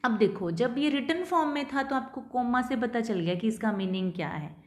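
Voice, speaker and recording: A woman's voice: on the high side, expressive, darkish tone. Indian woman teacher in an echoey room. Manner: slow, deliberate reading of English definitions, then explaining in Hindi. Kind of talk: lecture mixing Hindi and English.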